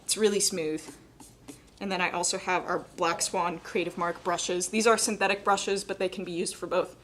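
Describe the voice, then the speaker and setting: This painting instructor, a young adult woman, has a lowish, fairly bright voice with a steady tone and a slight crack, heard at a moderate pace. She chats casually through a live demo, leaning on "like" and "kind of," with a bit of hiss or hum in the recording.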